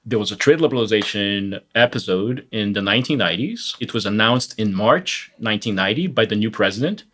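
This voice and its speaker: A man in his forties from Brazil, speaking English with a Brazilian accent as a guest economist, thoughtful and full of pauses and self-corrections. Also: fairly low pitch, lively intonation, fairly bright tone. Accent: Brazilian Portuguese. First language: Portuguese. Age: 40s. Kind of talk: conversational interview answers.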